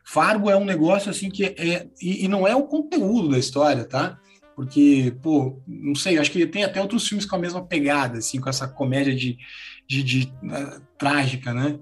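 A man's voice: on the high side, normal speed, soft background music. Playful contrarian Brazilian man. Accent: Brazilian Portuguese. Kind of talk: casual film debate.

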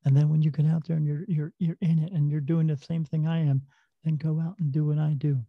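A man's voice: fairly high pitch, little pitch movement, a little fast, dry recording. A man working as a psychic medium, telling stories in a casual interview, rambling and restarting his words. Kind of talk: casual interview talk, storytelling. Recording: dull lo-fi dry recording.

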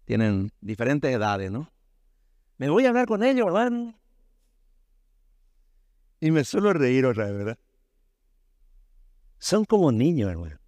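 A male pastor preaching a sermon, often calling his listeners "brother" and asking them "right?", his pitch swinging sharply up and down. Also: wildly swooping pitch, normal speed, pauses often, a little mellow, dry recording. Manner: preaching with sudden rises and drops in pitch, many rhetorical tag questions.

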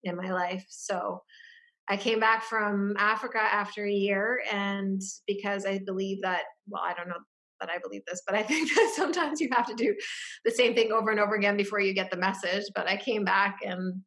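A woman's voice: mid-range voice, steady tone, moderate pace, a bit bright. A woman interview guest telling her life story in a reflective way, with frequent fillers and restarts. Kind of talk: casual personal storytelling.

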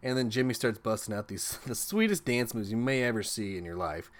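A man's voice: fairly low pitch, brisk. A man doing a comedic, profane recap of a horror movie, full of sarcastic asides. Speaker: movie review host.

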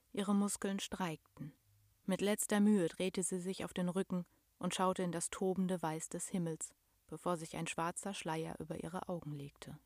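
Her medium-pitched voice comes through in clean studio sound without echo as a young adult woman narrates a storybook. She reads slowly and expressively, falling to a whisper at suspenseful moments.

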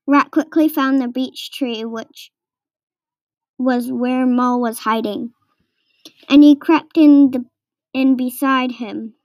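A woman reading a children's storybook aloud, slow and careful. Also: sits high, fairly even intonation, a little mellow, dry recording. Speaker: narrator.

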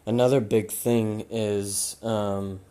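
A man hosting a podcast, giving blunt, casual advice and swearing freely, while he loses his voice and keeps clearing his throat. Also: on the low side, level tone, slow pace, dark tone. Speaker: podcast host.

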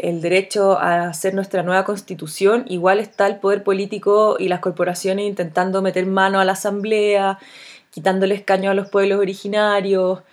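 A Chilean woman of around forty talks alone into her podcast mic. She is earnest and thoughtful, stopping often on small fillers as she works through her ideas. Her pitch sits in the middle range. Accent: Chilean Spanish. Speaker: podcast host. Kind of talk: solo reflective podcast monologue.

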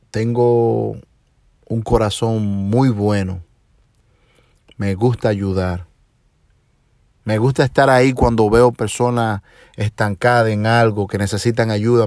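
A man's voice: fairly low pitch, vocal fry, darkish tone, no room sound, clean studio sound. A man in his forties with a Dominican Spanish accent, hosting his own podcast in a reflective monologue full of hesitations. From Dominican Republic. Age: 40s. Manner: slow, reflective, many hesitations. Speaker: podcast host. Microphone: phone or home microphone.

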